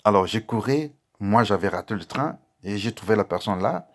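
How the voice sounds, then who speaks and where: Pastor with a low voice telling a testimony. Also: male voice, animated, normal speed. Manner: storytelling that swings between loud outbursts and quiet asides; addresses listeners as beloved. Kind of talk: sermon testimony.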